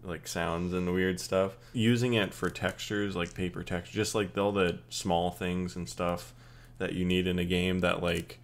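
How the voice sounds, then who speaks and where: Deep, gravelly-voiced young man. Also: little pitch movement, measured pace. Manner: rambling, acts out his own inner thoughts. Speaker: podcast co-host, game developer. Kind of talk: casual chat.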